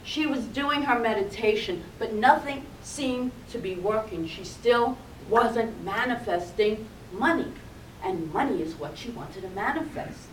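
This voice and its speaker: A woman minister giving a sermon, telling a story in a gently reflective way. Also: fairly high pitch, animated, a little slow. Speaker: reverend. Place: spiritual center hall. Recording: echoey room, distant mic, faint noise.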